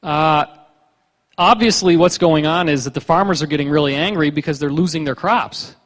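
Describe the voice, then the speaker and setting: A man on stage telling stories to a hall, with a fairly high voice for a man and a long reverb trailing each phrase. He talks in a joking, animated way and slips in quick voiced asides as he moves through his slides. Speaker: conference speaker. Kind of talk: conference lecture with slides.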